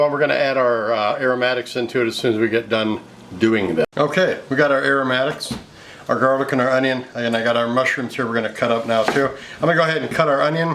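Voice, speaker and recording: Here an American man in his fifties, his mid-range voice fairly bright, casually hosts a cooking show and explains each stage of a recipe. The delivery is conversational and explanatory. Recorded indoors in a home kitchen, the audio carries clear background noise and kitchen clatter.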